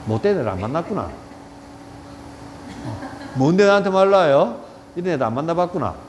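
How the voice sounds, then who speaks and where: This yoga teacher, a middle-aged Gyeongsang Korean speaker, lectures casually at a moderate pace in a slightly high, sing-song voice. His joking anecdotes come out coarse and blunt. A little hiss or hum sits under the reverberant room's faint ambience.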